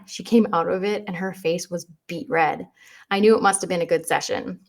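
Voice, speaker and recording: A woman in her thirties hosting a podcast, telling a personal family story in an earnest, emotional way that turns tearful at times. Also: on the low side. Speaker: podcast host.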